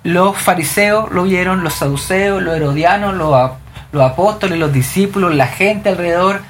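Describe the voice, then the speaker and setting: A woman's voice: lowish voice, normal speed, a little hiss or hum. A woman leading a group Bible study, explaining scripture and asking the group questions. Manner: asks the group questions, reads verses aloud.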